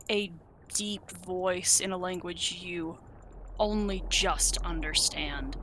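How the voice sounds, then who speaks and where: A woman narrating as game master of a tabletop game, describing scenes in a measured way. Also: fairly low pitch, pushed and bright, a little hiss or hum.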